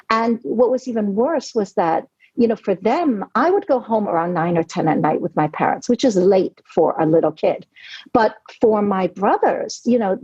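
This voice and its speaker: Mellow and husky, a mid-range female voice belongs to a novelist in her forties, born in Hong Kong and raised in NYC. Appearing as a guest on a podcast, she recounts her story in an earnest, reflective way, with many a "you know." The recording is dry, dull and lo-fi, free of room sound.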